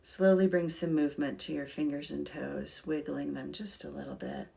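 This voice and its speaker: A woman guiding a calm grounding exercise, speaking gently and soothingly in short, unhurried phrases as a meditation leader. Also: deep voice, creaky.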